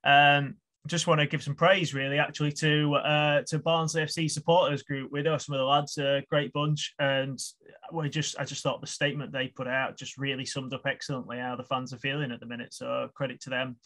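A man's voice: medium pitch, level tone, a little fast, fairly bright tone. Chatty man hosting a fan show. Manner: chatty, earnest, rambling with restarts. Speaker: podcast host. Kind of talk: casual video-call football chat. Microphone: video call.

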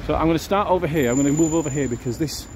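A man's voice: on the high side, racing, a little mellow. A man giving a casual walking-tour commentary outdoors, musing aloud with fillers. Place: outdoors on a city street. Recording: outdoor street noise behind.

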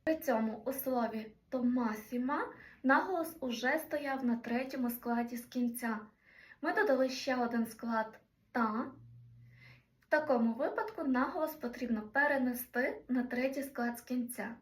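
Woman teaching grammar, slow careful examples. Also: a little high, reverberant, recorded from a distance. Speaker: Greek language teacher. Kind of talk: explaining grammar in a lesson.

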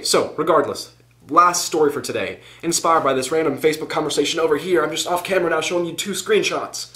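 A man's voice: a little high, a bit bright. A teenage boy rambling casually in a home vlog, drifting into tangents and joking at himself, recorded on the camera's own mic. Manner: rambling, goes off on tangents, self-mocking. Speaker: vlogger.

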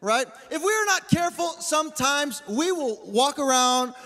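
A man in his thirties preaching on a large church stage into a handheld mic, animated and slangy, calling out to the crowd. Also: very high-pitched, a little slow, soft background music. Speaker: pastor. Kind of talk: energetic sermon. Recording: reverberant hall.

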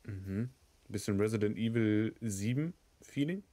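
This man's lowish, warm voice has lively intonation and a measured pace. In his thirties and suffering a cold, he coughs through casual let's play commentary, swearing and muttering at the game.

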